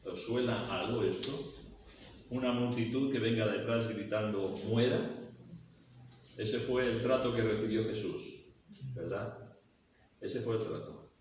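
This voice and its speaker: A man's voice: on the low side, measured pace. A man preaching a sermon in a church, reading scripture aloud and explaining it with rhetorical questions. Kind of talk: expository sermon. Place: church hall. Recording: echoey hall, mic far off, faint background noise.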